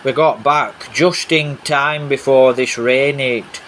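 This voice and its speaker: A man's voice: mid-range voice, slow. A man giving a casual, rambling, repetitive vlog narration over video footage. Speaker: vlogger. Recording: steady background noise, rain on roof. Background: rain on a roof.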